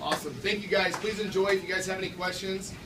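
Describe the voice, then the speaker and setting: A man's voice: sits high, steady tone, fast talker. A man hosting a gallery event, giving a sales presentation to guests and repeating phrases for emphasis. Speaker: gallery art dealer hosting a show opening. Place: gallery room at a live event. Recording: distant mic, noisy room.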